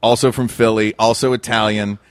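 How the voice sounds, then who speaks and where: A man from Tennessee with a deep, articulate voice, telling anecdotes in casual conversation as a guest. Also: flat delivery, fairly quick, clear, resonant tone, dry recording. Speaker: guest, performer.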